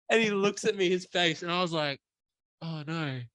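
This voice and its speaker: A man's voice: high voice, dry recording, studio quality. A young man, hosting a casual podcast chat and telling stories with acted-out quotes. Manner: animated storyteller, acts out quotes. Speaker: podcast host.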